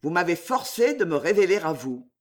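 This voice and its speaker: A man reading the part of a calm, authoritative older Jesuit leader in an audiobook. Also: high-pitched, moderate pace.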